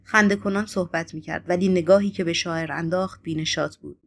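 A woman narrating an audiobook in a measured, steady reading voice. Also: on the low side, vocal fry.

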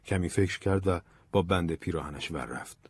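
A man narrating an audiobook in a calm, even storytelling manner. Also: sits low, breathy edge, no echo, clean studio sound. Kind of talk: scripted narration.

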